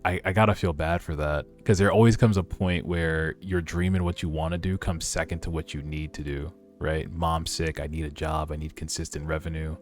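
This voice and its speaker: With an extremely low, steady voice, a streamer reads a webtoon aloud and reacts in casual, slangy commentary, swearing here and there. He talks briskly with few pauses while background music plays behind him.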